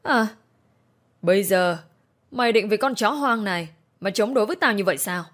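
A venomous middle-aged mother snaps insults in a harsh, cursing voice, as a woman storyteller puts her on. She sounds scornful and mean through and through. The voice sits at an ordinary middle pitch. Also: lively intonation, moderate pace, natural voice. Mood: contemptuous. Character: vulgar, spiteful middle-aged mother, abusive.

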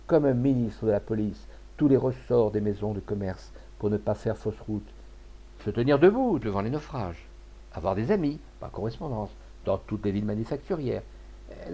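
A man voicing a shrewd old cloth merchant who talks loudly and emphatically, in an audiobook. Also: fairly low pitch, big pitch swings, normal speed, breathy edge, heavily acted. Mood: boastful. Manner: loud, blustering and emphatic. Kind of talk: audiobook character voice.

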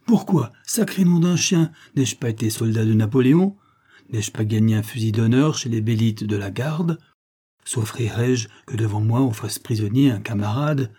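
A man voicing an excitable male innkeeper, a former soldier, who urgently shouts warnings in a husky voice. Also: lowish voice, moderate pace, natural voice. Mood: indignant.

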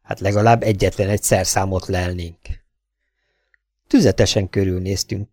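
A man narrating an audiobook in an even, unhurried reading voice. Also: on the low side, no room sound, clean studio sound. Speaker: audiobook reader.

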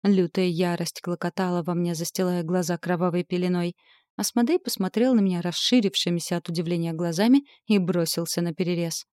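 Female audiobook narrator, low and mellow, expressive first-person fantasy read, dry close sound. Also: a little fast, no echo.

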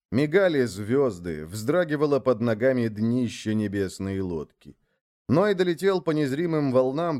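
Slow-reading male storyteller. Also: medium pitch, dark tone. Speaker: audiobook narrator. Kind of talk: scripted narration.

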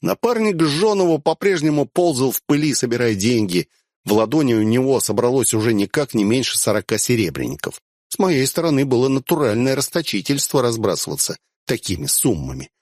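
A man's voice: medium pitch, very animated, brisk, darkish tone, dry recording, studio quality. Man reading a fantasy audiobook wryly. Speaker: audiobook narrator. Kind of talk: first-person fantasy audiobook narration.

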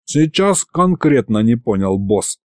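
A man's voice: mid-range voice, sing-song, unhurried, no room sound, clean studio sound. A man voicing a touchy male demon who runs the city police and talks in thuggish street slang. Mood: casual report.

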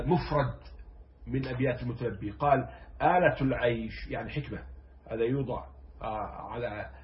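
Man, poetry teacher, rapid and animated, muffled lo-fi recording. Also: mid-range voice. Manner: animated, rising loud when stressing a point; quotes verses slowly and gravely, then explains in dialect. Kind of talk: explaining classical poetry line by line. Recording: dull lo-fi sound.

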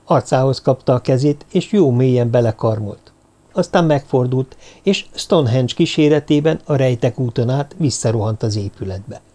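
At a medium pitch, a man narrates a novel as an audiobook. His delivery is scripted, measured and evenly paced.

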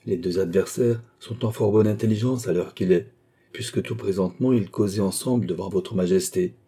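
A man's voice: fairly low pitch, a little fast, dark tone, slightly rough. A man reading an audiobook, voicing a suave male police chief who speaks with polite, smug deference.

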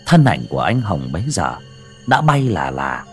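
A man narrating a horror story in a dramatic, expressive storytelling manner. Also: low voice, moderate pace, faint music behind.

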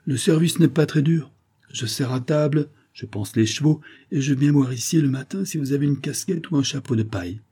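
A man's voice: medium pitch, fairly quick, warm tone, husky, voice pushed up, lightly acted. A man voicing a cunning young man who poses as a servant and speaks in a sly, insinuating way, in an audiobook. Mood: knowing.

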